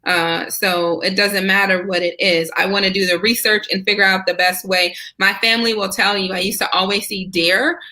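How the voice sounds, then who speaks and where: A woman with a bright, clear-toned voice speaks as a guest in a casual interview. She talks eagerly and at length, and keeps tossing in "right?" to pull her listener along. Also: mid-range voice, fairly even intonation, moderate pace, few pauses. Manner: enthusiastic, talkative, asks rhetorical "right?". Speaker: guest, Senate candidate.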